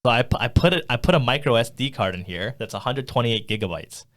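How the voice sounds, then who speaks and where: A man's voice: medium pitch, expressive, quick pace, fairly bright tone, a little hiss or hum. A young man co-hosting a podcast in a small studio, rambling casually with lots of fillers and laughs. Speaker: podcast co-host. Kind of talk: casual chat. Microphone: studio condenser mic.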